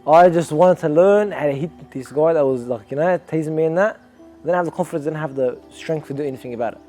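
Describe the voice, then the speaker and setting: With soft music playing behind him, a young Australian man who boxes as an amateur reflects earnestly in a documentary interview, often starting his sentences over. He talks quickly in a slightly high, dark-toned voice.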